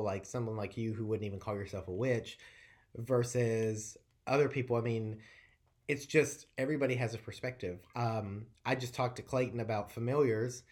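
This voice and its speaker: Rambling, profane storyteller man. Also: mid-range voice. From North Carolina. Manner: rambling, profane, animated storytelling with many fillers. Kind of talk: casual storytelling chat.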